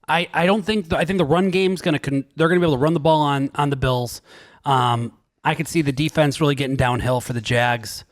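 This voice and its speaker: A man co-hosting a casual sports betting show, loud and jokey. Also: on the high side, fairly even intonation, brisk. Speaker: sports betting podcast co-host.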